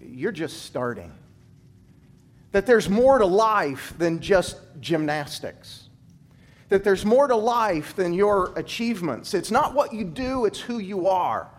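A man with a rather high voice, once a gymnastics coach, preaches to students in an emphatic storytelling style. His pitch and loudness swing widely, and he drops low and quiet to land his biggest points.

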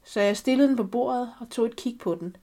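A woman reading a first-person story aloud for a podcast, calm and measured. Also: fairly high pitch. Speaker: podcast reader.

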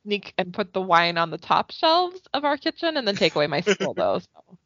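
Woman, podcast co-host, very lively pitch swings, blunt and exasperated, dry dull lo-fi sound. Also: moderate pace, no echo. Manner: exasperated and outspoken, swears. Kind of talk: casual chat.

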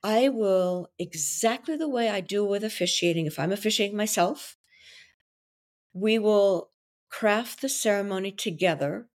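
Expressive and theatrical, a confident Belgian wedding officiant and coach, whose first language is French, explains her profession on a podcast. Her voice is mid-range and a little slow.

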